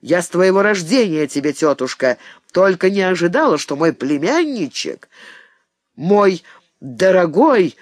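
A man's voice: high voice, big pitch swings, unhurried, dry recording, clean studio sound, pitched above the performer's own voice, full character voice. Man playing a scolding elderly aunt. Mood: sarcastic scolding. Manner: scolding, sarcastic. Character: indignant elderly aunt, a general's widow.

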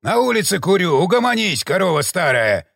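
A man's voice: high voice, very animated, normal speed, fairly bright tone, no echo, clean studio sound, exaggerated voice. A man voicing a grumpy, swearing older bearded innkeeper in an audiobook. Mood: bellowing. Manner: gruff, snapping and swearing.

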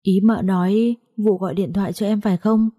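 A woman's voice: mid-range voice, steady tone, brisk, warm tone, dry recording, clean studio sound, lightly acted. A woman voicing a frightened young woman who asks trembling, broken questions. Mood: shaken, tearful.

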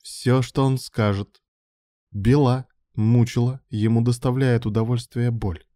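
A scheming brothel madam, put on by a male narrator, purring and coaxing in a raised, mellow voice. She slides into shrill, high-pitched cries when alarmed. The audiobook recording is dry and close. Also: steady tone, unhurried, no room sound, lightly acted. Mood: confiding. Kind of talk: audiobook dialogue.

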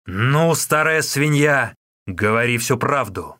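A male reader voicing a fierce, vengeful young warrior who threatens loudly and forcefully. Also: fairly low pitch, moderate pace, no room sound, studio quality, lightly acted. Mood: furious.

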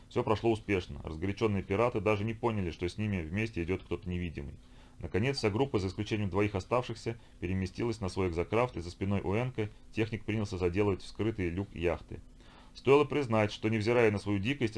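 A man reading an audiobook aloud as narrator in a brisk, even storytelling manner. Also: deep voice. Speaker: audiobook reader. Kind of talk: scripted narration.

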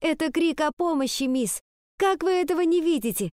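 A woman's voice: high-pitched, lively intonation, a little fast, a little mellow, no room sound, clean studio sound, pitched above the performer's own voice. A woman voicing a nervous, earnest schoolgirl who speaks in an anxious, pleading way. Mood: alarmed.

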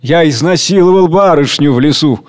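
A hulking young convict answers the court sullenly and defiantly, voiced by a man reading the play aloud. The voice runs a little high for a man. It is from a read-aloud stage play. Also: normal speed, natural voice.

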